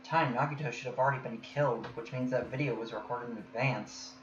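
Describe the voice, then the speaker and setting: A man's voice: medium pitch, brisk. Man reading game lines, echoey. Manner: reads narration plainly, breaks into laughter between lines. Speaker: player reading the game's main character. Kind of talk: casual group game reading. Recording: echoey, muffled audio with faint noise.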